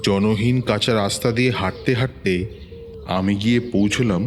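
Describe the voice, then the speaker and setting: Here a man lightly acts the part of a self-assured middle-aged tantric from a West Bengal village, recounting a horror tale slowly, dramatically and boastfully, in a grave, reminiscing mood and a Bengali accent. His voice is lowish and steady, with a little hiss or hum on the recording.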